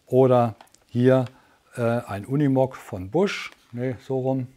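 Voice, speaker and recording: A man's voice: mid-range voice, slow, warm tone. A man in his sixties presenting products as a teleshopping host in a chatty, unscripted infomercial style, sometimes feeling his way through the items. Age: 60s. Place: indoor studio, standing at a product table.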